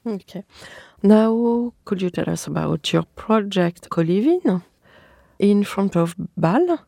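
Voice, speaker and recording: A woman's voice: medium pitch, lively intonation, takes it slowly, creaky, mellow, dry recording, clean studio sound. A woman with a French accent, hosting a podcast with introductions and interview questions. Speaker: podcast host.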